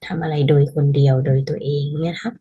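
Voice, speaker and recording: A woman teaching a casual language lesson, patiently explaining and repeating phrases slowly so learners can practice. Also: low voice, steady tone, mellow, breathy edge, highs cut off.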